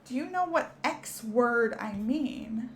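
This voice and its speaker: A woman's voice: a little high, animated, slow pace, slight background noise. A woman teaching a children's alphabet lesson, cheerful and encouraging as she speaks to young kids.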